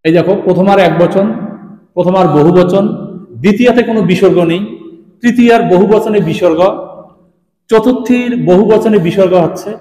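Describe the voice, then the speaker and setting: In an echoey room with long reverb, a man teaches Sanskrit grammar aloud as a classroom lesson, patiently repeating examples and addressing his students directly. His voice is high and warm, his delivery a little fast with long pauses.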